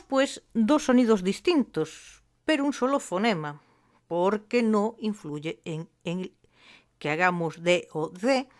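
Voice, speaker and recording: Slow, deliberate woman teaching. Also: fairly low pitch. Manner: slow and deliberate, spelling out sounds with pauses. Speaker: language teacher. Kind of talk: explanatory phonetics lesson.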